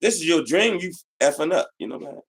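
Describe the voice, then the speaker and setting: A man's voice: on the high side, big pitch swings, fast talker, slightly rough. A man co-hosting casual sports talk, making emphatic, preachy points in slang. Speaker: co-host.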